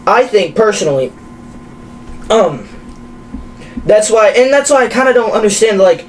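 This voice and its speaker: A man's voice: high-pitched, normal speed, rough recording. A young man co-hosting a podcast, talking casually and animatedly, with lots of fillers and restarts. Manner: animated, rambling with many fillers. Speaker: podcast co-host. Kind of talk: casual chat.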